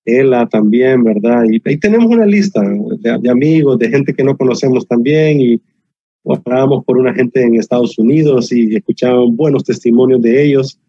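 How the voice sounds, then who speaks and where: A man's voice: medium pitch, moderate pace, dark tone, slightly rough, dry recording, dull audio. A man preaching a sermon as a pastor, emphatic and repetitive with touches of humor, heard over a video call.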